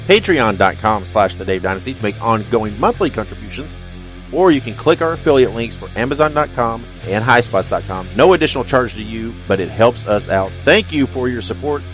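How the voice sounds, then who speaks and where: A man's voice: lowish voice, fairly bright tone. A man hosting a wrestling podcast, reading show announcements and promos in a rambling way that corrects itself as it goes, speaking into a headset. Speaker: podcast host.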